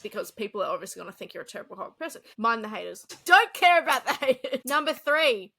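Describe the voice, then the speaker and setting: A woman, co-hosting a podcast in casual chat, animated and chatty with frequent laughs. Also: on the high side, fast, creaky, breathy edge. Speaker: podcast co-host.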